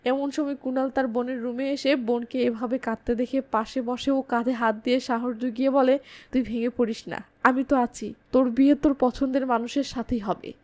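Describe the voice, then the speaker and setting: A woman narrates a film recap in a high, clear voice. She moves briskly through the plot and gives the characters' lines a touch of emphasis without fully acting them. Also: steady tone. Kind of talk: movie recap narration with quoted dialogue.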